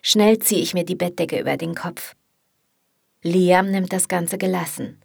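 A woman's voice: lowish voice, fairly even intonation, a little slow, creaky, slightly rough, dry recording, clean studio sound. A woman narrating a first-person audiobook in an intimate, matter-of-fact way.

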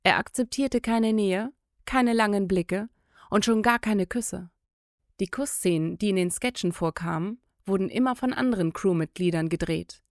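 Woman reading an audiobook, low gravelly voice, dry close mic. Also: normal speed, no room sound. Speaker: audiobook narrator. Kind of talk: scripted audiobook narration.

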